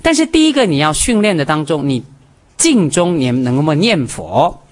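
Animated man giving a Buddhist dharma talk. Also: a little high, normal speed. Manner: animated and emphatic, counting off points, talking straight to listeners. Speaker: Buddhist teacher.

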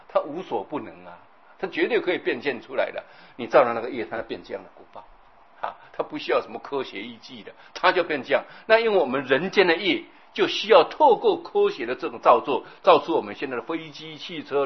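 A husky-voiced man delivers a Buddhist sermon. He tells stories with animation and acts out the scenes. The recording sounds dull and lo-fi. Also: medium pitch, a little fast. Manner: animated storytelling, acts out scenes, keeps asking the audience "right?". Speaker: Buddhist preacher.

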